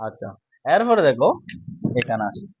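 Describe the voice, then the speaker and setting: A man teaching a math lesson, speaking slowly and asking his own questions before answering them. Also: fairly high pitch, big pitch swings, a little mellow, dull audio, slight background noise. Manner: slow, repetitive, asks and answers own questions. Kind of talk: casual classroom lesson.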